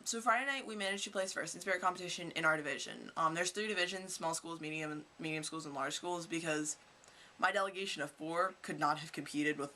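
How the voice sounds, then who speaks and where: A Kentucky high schooler who vlogs speaks to camera with a bright, forceful, medium-pitched voice. The stories wander, and the tone stays casual and chatty.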